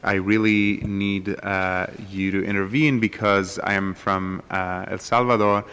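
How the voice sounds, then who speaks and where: Low flat-voiced man interpreting. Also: clean tone. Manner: hesitant, halting. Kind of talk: consecutive interpreting. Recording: long hall reverb.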